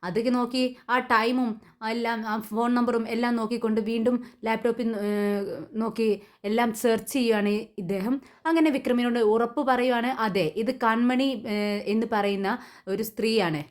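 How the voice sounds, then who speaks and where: Female voice-over narrator, high-pitched, casual serial recap with frequent restarts. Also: fairly even intonation, moderate pace. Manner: storytelling with frequent restarts, acting out the characters' lines. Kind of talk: casual retelling of a TV serial plot.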